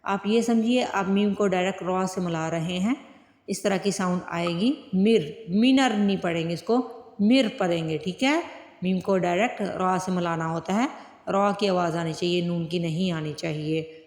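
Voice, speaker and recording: A woman teaching Quran tajweed word by word, explaining each rule plainly and then reciting the words slowly with long drawn-out vowels. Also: on the low side, a little mellow. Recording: echoey room with long reverb.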